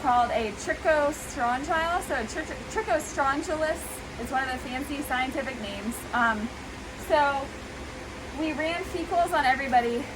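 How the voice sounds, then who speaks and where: A woman explaining animal treatment casually and informally, her voice slightly muffled by a face mask. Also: high voice. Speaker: veterinary professional treating goats. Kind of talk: casual explanatory talk to camera. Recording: noisy, steady rushing background hiss.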